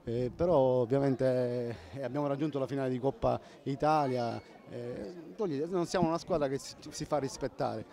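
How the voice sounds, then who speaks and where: Gravelly, mellow middle-aged man. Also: mid-range voice, moderate pace, few pauses. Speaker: football club representative. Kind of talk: post-match interview. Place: outdoors by a fence at a football ground. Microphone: handheld interview microphone.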